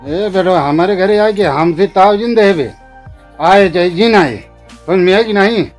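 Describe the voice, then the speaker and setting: A man's voice: high-pitched, moderate pace, soft background music, close to an everyday voice. A man playing a drunk, boastful, quarrelsome rural uncle in a comedy sketch, rambling and arguing with an Awadhi accent. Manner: drunken, rambling, argumentative talk. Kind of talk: village comedy sketch acting.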